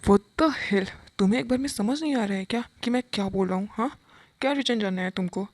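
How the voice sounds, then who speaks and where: A woman's voice: mid-range voice, dry recording, natural voice. A woman voicing a stern, short-tempered businessman father who scolds and gives commands in a fan-dub audio drama. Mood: angry. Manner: scolding, commanding, grows heated and fast.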